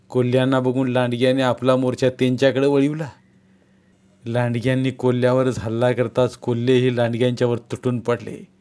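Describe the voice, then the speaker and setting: A man's voice: mid-range voice, darkish tone. A man reading a novel aloud as a storyteller, telling the story steadily and acting out the dialogue.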